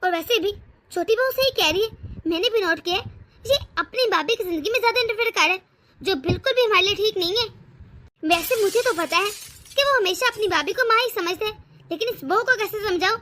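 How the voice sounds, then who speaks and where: A woman's voice: very high-pitched, a little fast, sharp tone. A woman voicing a worried elderly mother-in-law who broods and frets over her family in a cartoon story. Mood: fretful. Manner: brooding, fretful.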